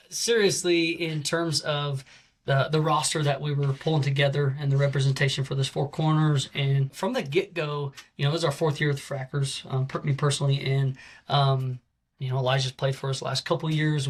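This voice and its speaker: A man in his forties, a head coach, talking casually in an interview with many fillers and restarts. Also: medium pitch. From American Southwest. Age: 40s.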